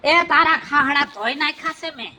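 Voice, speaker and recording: A man's voice: extremely high pitch, brisk, loud music behind the voice. A man playing a meek nephew who does the housework and complains about his wife in a comedy skit. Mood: bickering.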